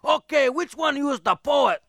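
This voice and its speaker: A man's voice: extremely high pitch, animated, normal speed, creaky, bright, forceful tone, dry recording, voice pushed up, full character voice. A man voicing an angry bullying landlord in a comic fairy-tale parody, barking threats. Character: angry bullying male landlord, cartoon villain.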